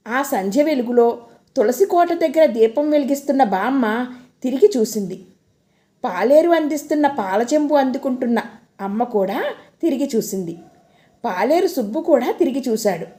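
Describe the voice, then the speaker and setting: A woman narrating a novel in the first person as an audiobook reader, telling it expressively. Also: high-pitched. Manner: expressive storytelling.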